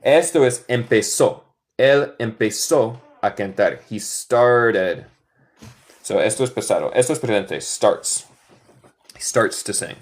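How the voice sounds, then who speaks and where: A young American man teaching English in Spanish on a live stream, patient and encouraging, modeling words slowly. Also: on the low side. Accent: American, speaking Spanish as a learner. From northern United States. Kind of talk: live-streamed language class.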